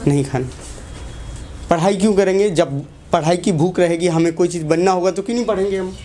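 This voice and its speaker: A man's voice: sits high, a little fast, dark tone. Man giving students a motivational talk. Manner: asks the class short questions and repeats key lines. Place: classroom.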